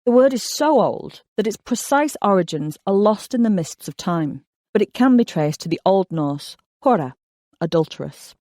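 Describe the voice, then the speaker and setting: A nonfiction audiobook narrator reading in a measured, articulate way with wry asides. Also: medium pitch, expressive, a little mellow, no echo, studio quality.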